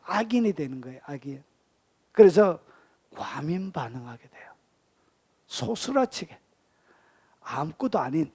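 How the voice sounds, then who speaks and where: A man preaching a sermon as pastor. He swings from loud storytelling to hushed near-whispers, and he keeps asking his listeners questions and answering them himself. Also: high voice, no room sound.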